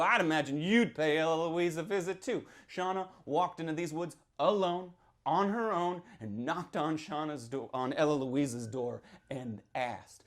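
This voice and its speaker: Reading aloud from his own novel, a male author plays a menacing small-town man telling a dark story, theatrical first-person horror for a listening crowd. His fairly high voice veers between quiet whispers and sudden shouts.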